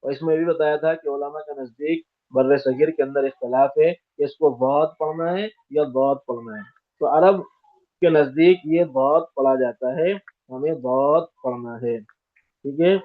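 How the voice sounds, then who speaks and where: A man from India teaching Quranic letter pronunciation step by step, sounding out each letter and correcting common student mistakes. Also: fairly high pitch. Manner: demonstrates letters by sounding them out repeatedly. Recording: tinny phone-like audio.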